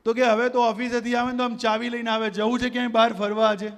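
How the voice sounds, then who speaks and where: Speaking extremely high and fast with a level tone, a motivational speaker rouses the crowd at a community gathering and leads them in call-and-response. His stage talk carries a long hall reverb.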